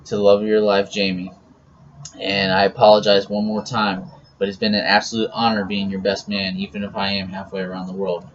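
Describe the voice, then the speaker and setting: A man's voice: on the low side, little pitch movement, brisk. A young man giving an informal, teasing best man's wedding toast speech as a recorded message. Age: young adult. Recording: muffled lo-fi audio with background noise.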